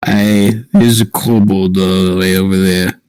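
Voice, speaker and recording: A man's voice: deep voice, fairly even intonation, unhurried, darkish tone, clean tone, no room sound. Joking male player, dry close sound. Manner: joking, teasing the other players. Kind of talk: casual chat in a tabletop game.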